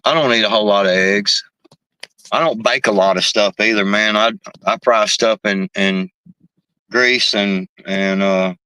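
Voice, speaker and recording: Reading out chat on a laid-back live stream, this host has a lowish voice that's bright, forceful, clear and resonant. He curses freely and keeps dropping "man" and "bro," with no echo in the recording.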